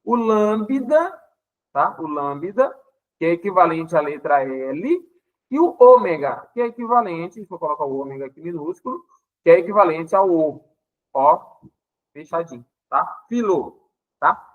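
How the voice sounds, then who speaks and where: Man with a Pará accent, high voice, teaching a Bible lesson with constant "tá?" check-ins and playful exasperation. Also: unhurried, low-quality recording. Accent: Paraense Brazilian Portuguese. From Pará, Brazil. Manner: explanatory, with frequent "tá?" check-ins; lively, acting out dialogue with playful exasperation. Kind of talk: Bible lesson explaining Greek words.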